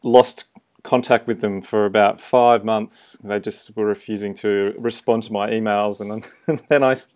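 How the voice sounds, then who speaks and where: A man's voice: fairly low pitch, fairly even intonation, normal speed, a little mellow. A man hosting a podcast interview in a casual, chatty style. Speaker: podcast host.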